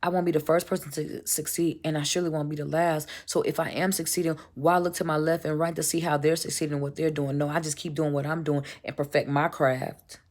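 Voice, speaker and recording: A woman's voice: deep voice, flat delivery, a little fast, few pauses, darkish tone. A woman giving an emphatic, blunt motivational monologue, swearing casually and calling the listener baby. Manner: emphatic, preachy, repetitive. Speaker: vlogger.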